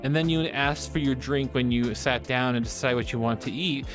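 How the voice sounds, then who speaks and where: A man's voice: mid-range voice, a little fast, faint music behind. A man chatting casually on a live stream, reading chat and giggling often as he rambles.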